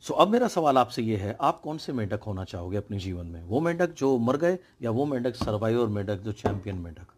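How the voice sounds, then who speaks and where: A man's voice: on the low side, sing-song, fairly quick, few pauses. A man telling a fable as a motivational speaker, emphatic, mixing English phrases into his talk. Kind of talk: motivational storytelling.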